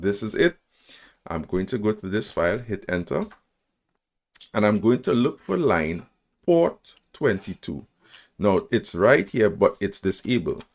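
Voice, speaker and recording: Deep, lively man walking through commands. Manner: talks through typed commands step by step, spelling them out; frequent "right?" checks and small self-corrections. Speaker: tutorial presenter. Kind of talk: screen-recorded coding tutorial.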